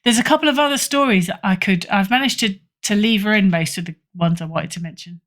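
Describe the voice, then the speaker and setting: A British woman, a horror fiction editor, chats casually as a podcast guest, recommending stories in an interview. Her medium-pitched, slightly bright voice moves fast, and she's hesitant, often correcting herself and repeating phrases for emphasis.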